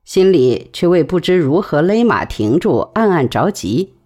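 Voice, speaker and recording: A woman narrating a novel in an expressive storytelling manner. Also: on the low side, measured pace. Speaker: audiobook narrator. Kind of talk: novel reading.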